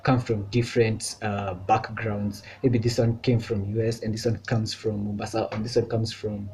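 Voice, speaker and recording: A man's voice: on the low side, level tone, normal speed, a little mellow, a little hiss or hum. A young man from Kenya talking casually on his vlog, loose and chatty with lots of filler words. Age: young adult. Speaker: vlogger. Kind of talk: casual chat.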